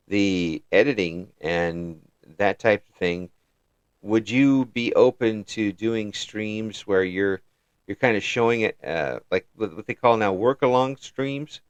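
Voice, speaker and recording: A man's voice: lowish voice, clean tone, no room sound, muffled recording. A man hosting a casual interview, chuckling often and repeating words as he frames his questions. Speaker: interview host.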